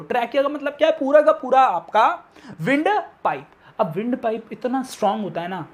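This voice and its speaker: A very high voice belongs to this male science teacher, who is giving a biology lecture in a classroom. English technical vocabulary comes up throughout, he asks and answers his own questions, and he slowly repeats the key terms.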